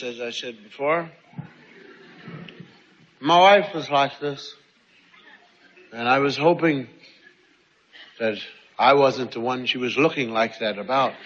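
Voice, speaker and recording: A middle-aged man telling long stand-up stories, slow and drawn-out with sudden loud outbursts. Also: medium pitch. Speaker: stand-up comedian. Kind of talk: stand-up storytelling. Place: large theater stage. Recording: live show in a hall, dull sound, audience.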